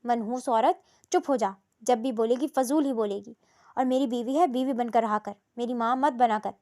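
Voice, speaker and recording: A woman voicing a harsh, abusive middle-aged husband who talks in curt, scolding, drawn-out lines in a storybook reading. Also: a little high, warm tone, natural voice. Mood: angry.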